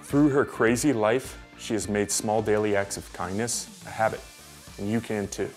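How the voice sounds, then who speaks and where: Deep-voiced male documentary narrator. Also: normal speed, faint music behind. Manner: even, earnest voice-over. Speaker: host narrator. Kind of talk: scripted narration.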